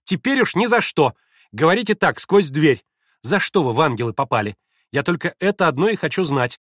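A man reading aloud and voicing a capricious, demanding teenage girl with a shrill, insistent manner. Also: big pitch swings, brisk, fairly bright tone, no echo, studio quality. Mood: petulant.

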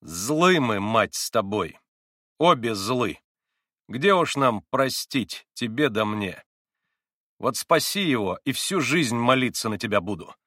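A man's voice: fairly low pitch, very animated, takes it slowly, pushed and bright, breathy edge, no room sound, clean studio sound, exaggerated voice. A man reading the part of a spiteful young woman in a biting, poisonous tone. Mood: venomous.

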